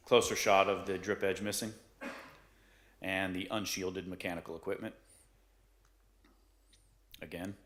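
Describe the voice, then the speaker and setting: A man presenting a code violation case to a board, polite and halting, answering with ma'am. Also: low-pitched, steady tone, fairly bright tone. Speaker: code enforcement officer. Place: council chambers. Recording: echoey chamber.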